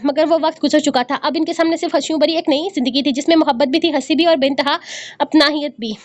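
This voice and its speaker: A woman narrating a serialized family novel in a brisk reading with occasional restarts. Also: high voice. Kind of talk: storybook narration. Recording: dull lo-fi recording.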